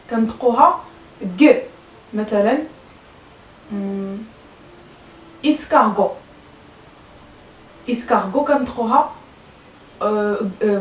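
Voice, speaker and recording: A woman's voice: medium pitch, a little hiss or hum. A woman with a Moroccan Arabic accent, teaching French pronunciation to learners in a hesitant way, with many fillers and repeated words. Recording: echoey room, voice a bit far from mic.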